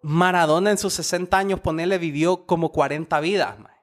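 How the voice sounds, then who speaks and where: A man's voice: fairly high pitch, fairly quick. A young man, chatting casually as a podcast co-host in a loose, rambling, slangy way with many restarts. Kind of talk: casual chat.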